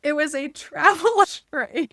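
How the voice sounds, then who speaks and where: A woman co-hosting a travel podcast in casual chat, agreeable and quick to laugh, often echoing her partner. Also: high-pitched, fairly bright tone. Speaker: podcast co-host.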